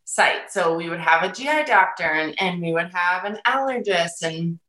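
A woman chatting casually as a podcast guest, expressive and voicing her own thoughts, with a roomy echo. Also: fairly low pitch, normal speed. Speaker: podcast guest, feeding therapy business owner. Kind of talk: casual interview chat. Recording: echoey, roomy sound.

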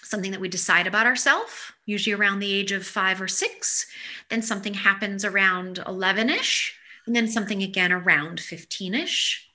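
A woman yoga educator giving a spiritual teaching talk in a thoughtful, halting way, often repeating words as she goes. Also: medium pitch, sharp tone.

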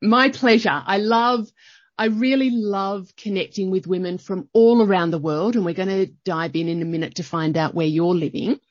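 A woman's voice: medium pitch, steady tone, normal speed, no echo, muffled recording. A woman, hosting a podcast in an enthusiastic, bubbly chat. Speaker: podcast host. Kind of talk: casual interview chat.

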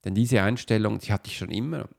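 Man, podcast host, casual monologue, rambling, filler sounds, deep-ish, creaky. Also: a little fast, a little mellow. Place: at his computer while uploading a video.

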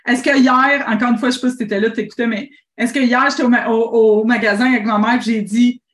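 A lively business coach and host with a Québécois French accent leads casual call-in coaching talk. She speaks fast in a fairly high voice, animated and rambling with many restarts, and the sound is roomy.

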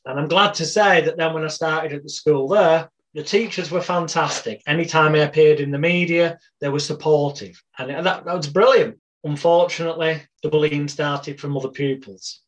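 British man telling stories, slightly higher voice. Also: fairly even intonation, moderate pace, hardly any pauses. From Britain. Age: 40s. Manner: rambling anecdotal telling with wry humor. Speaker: podcast guest. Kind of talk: casual storytelling interview.

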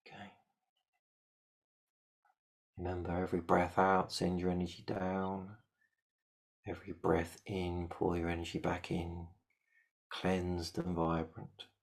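A man leading a guided shamanic meditation, giving calm, repetitive step-by-step instructions. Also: deep voice, slow, vocal fry, pauses often.

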